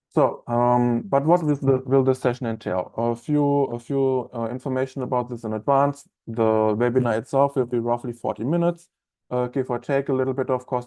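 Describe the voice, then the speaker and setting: A German-accented man in his thirties leads a live online software webinar as a trainer, chatting from an indoor office room with plenty of fillers and restarts. His voice is mid-range, and the recording is dry.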